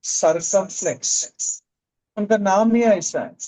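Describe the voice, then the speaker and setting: A man's voice: fairly high pitch, takes it slowly, poor audio. A man teaching a Greek class in a classroom, explaining step by step and repeating the key words. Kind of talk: classroom lecture. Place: classroom with a board.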